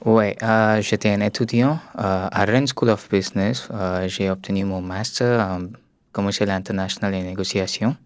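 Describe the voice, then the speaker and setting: A man's voice: lowish voice, steady tone, normal speed, clear, resonant tone, no echo. A young man from India with an Indian accent, native tongue Tamil, talking carefully in learner's French as a guest in a radio studio, with many hesitations. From India, Tamil Nadu. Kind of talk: radio interview.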